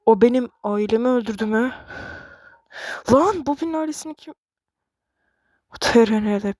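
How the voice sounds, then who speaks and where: A woman giving excited gameplay commentary, chatty and talking straight to her viewers, recorded on a bassy microphone. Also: normal speed, no echo, clean studio sound. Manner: excitable, frequently yelling to her game companion; chatty, addresses viewers directly. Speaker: gaming video creator.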